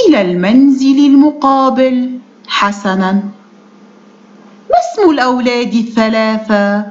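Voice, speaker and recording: A woman teacher giving a reading lesson to young children, from Lebanon, who enunciates slowly and carefully, stretches out example words and answers her own questions with short praise. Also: a little high, a little mellow. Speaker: primary school Arabic teacher. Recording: echoey room, dull lo-fi sound.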